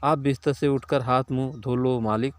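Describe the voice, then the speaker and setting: A man voicing a cheeky young male servant who answers back with deadpan wit. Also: medium pitch, moderate pace, no echo, close to an everyday voice.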